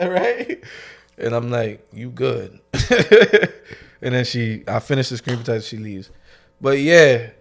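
A man's voice: mid-range voice, lively intonation, slow pace, creaky. A young man co-hosting a podcast, telling a casual, slang-filled story and acting out the voices of people he quotes. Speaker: podcast co-host.

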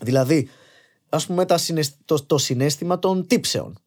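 A young man in casual podcast conversation, arguing his points with animated energy and slipping in English phrases. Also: fairly high pitch. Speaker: podcast guest.

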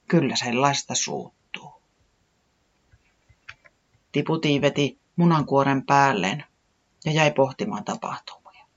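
A storyteller reading a children's story aloud with expressive narration. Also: mid-range voice, muffled recording.

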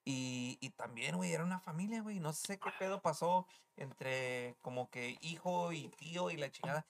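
A man's voice: a little high, normal speed, a little hiss or hum. A Mexican man, a band musician, telling rambling gig stories with restarts and swearing in casual podcast chat. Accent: Mexican Spanish.

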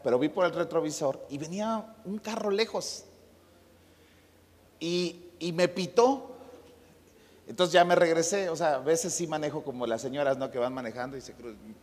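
A middle-aged pastor delivers a casual, story-driven sermon, his voice slightly high and husky. His words ring out with a long reverb from the church hall. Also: darkish tone. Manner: storytelling, humorous asides. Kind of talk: conversational sermon.

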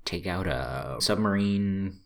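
A man with an extremely low voice co-hosts a casual podcast. His pitch swings around animatedly as he jokes and banters with his co-host. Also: animated, slow pace, gravelly. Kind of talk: casual chat.

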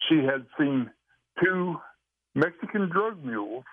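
A man telling a long story as an interview guest, rambling and halting with frequent restarts. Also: fairly high pitch, lively intonation, dry recording. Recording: dry, tinny phone line.

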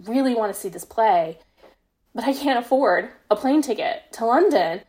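With a fairly high, darkish voice and lively intonation, the American fan fiction writer talks at normal speed as a podcast guest. She is young and relays personal anecdotes in a casual, self-deprecating, modest way.

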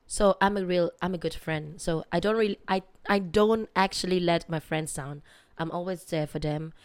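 Female podcast guest, lowish sore-throat hoarseness, conversational, very dry sound. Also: normal speed, no room sound. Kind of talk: casual interview chat.

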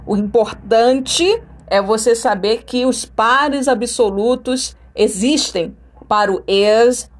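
A Brazilian woman teaching English, repeating example phrases to model their intonation. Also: fairly high pitch. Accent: Brazilian Portuguese. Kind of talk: recorded language lesson.

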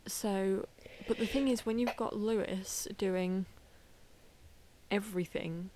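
Woman co-host, unhurried delivery, laughs a lot, rambles and trails off. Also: mid-range voice, steady tone, warm tone, a little hiss or hum. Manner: chatty, laughs often, trails off mid-sentence. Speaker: podcast co-host. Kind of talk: casual chat.

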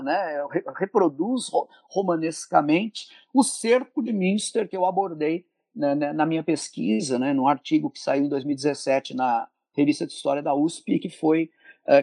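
A Brazilian man with a slightly raised, gravelly voice talks about history on a podcast. He digresses eagerly, piling up asides and little tag questions. The recording is close and dry, with no room sound. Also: fairly high pitch, darkish tone, no echo. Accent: Brazilian Portuguese. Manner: enthusiastic, digressive, frequent "né" tags and restarts. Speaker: guest historian. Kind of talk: podcast interview.

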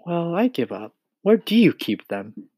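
A man's voice: a little high, big pitch swings, measured pace, a little mellow, slightly rough, no echo, voice pushed up, heavily acted. A man voicing a small boy in a storybook, polite, earnest and full of eager curiosity. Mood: puzzled disbelief.

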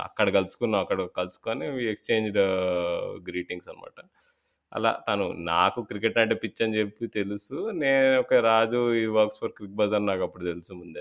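Low-voiced Telugu man telling a story casually. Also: fairly bright tone. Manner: mixes English phrases into Telugu. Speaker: cricket podcast co-host.

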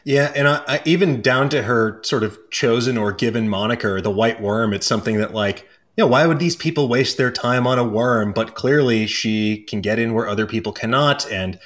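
A man hosting a casual podcast who works his way through his points with many pauses and fillers before handing the question to a guest. His voice sits at an ordinary, middle pitch for a man. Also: a bit bright. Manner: hesitant, filler-heavy, hands off questions. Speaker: podcast host. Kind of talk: casual chat.

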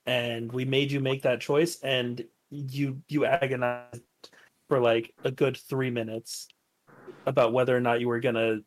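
Deadpan, measured man in podcast chat. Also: medium pitch. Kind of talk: casual chat.

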